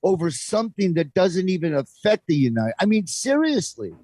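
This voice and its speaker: Here the same kind of talk show host, a middle-aged American man on opinionated radio, comes across in a high, sing-song, husky voice with a darkish tone. He speaks at normal speed, exasperated and emphatic, firing off rhetorical questions.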